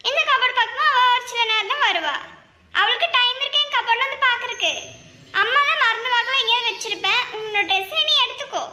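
A woman voicing a sharp-tongued mother in a cartoon, scolding and nagging her daughters. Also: extremely high pitch, quick pace, reverberant, a little hiss or hum, heavily acted. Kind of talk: cartoon family drama.

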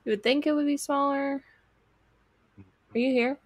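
Here a young adult woman with a high voice keeps a steady tone and moderate pace, and there's no room sound. She's streaming a co-op horror game from a small indoor room at home, giggling and reacting casually into a close boom-arm mic.

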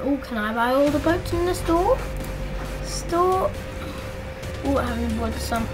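A woman giving casual, excitable gameplay commentary as a YouTuber at home, chatting and squealing when things get thrilling. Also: sits high, a little slow. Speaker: gaming YouTuber. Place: home room with the door shut. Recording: clear game music underneath. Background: game music.

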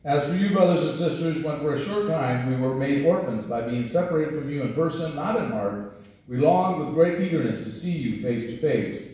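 A man's voice: on the high side, expressive, normal speed, mellow. A middle-aged man preaching a sermon from a pulpit, talking conversationally with frequent restarts, on a headset mic. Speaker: pastor. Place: church sanctuary at a pulpit. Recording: roomy church echo, distant mic.

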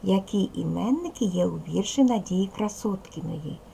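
A woman's voice: mid-range voice, expressive, normal speed, vocal fry, mellow, a little hiss or hum, low-quality recording. A woman with a Ukrainian accent teaching young children in a recorded video lesson, patient and speaking to them directly. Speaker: primary school teacher.

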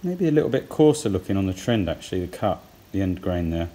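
A thirtysomething woodworker talks through his saw blade tests in a plain, practical manner, thinking out loud for a tool review. His voice sits low and mellow, with a quick, sing-song delivery.

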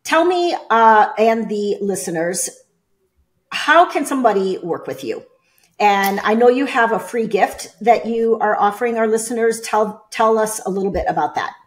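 A woman's voice: on the high side, lively intonation, normal speed. Upbeat chatty woman podcast host. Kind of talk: casual interview.

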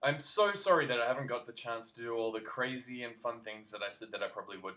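A man's voice: fairly low pitch, a bit bright. A man with an Australian accent chatting casually to camera as a vlogger, rambling and making self-mocking asides.

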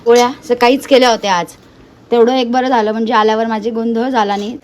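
A woman's voice: a little high, fairly even intonation, fast talker, darkish tone. A woman chatting to her viewers in a casual travel vlog, filmed on a phone at a train station. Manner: chatty, addresses viewers directly. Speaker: family vlogger. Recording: crowd and traffic noise behind. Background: bustling crowd and vehicle noise.

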